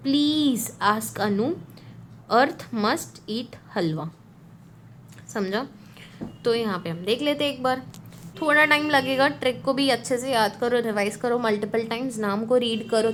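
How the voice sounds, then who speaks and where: A woman teacher gives a lively lecture and acts out little story scenes to help students remember names. Her voice sits a little high. A faint steady hum runs under the recording. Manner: explains a memory trick, acting out a little story. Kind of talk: Hinglish classroom lecture.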